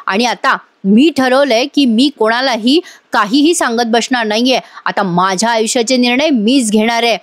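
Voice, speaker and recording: A woman voicing an angry, defiant young woman who speaks in sharp, scolding lines. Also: fairly high pitch, moderate pace, hardly any pauses, no echo, close to an everyday voice.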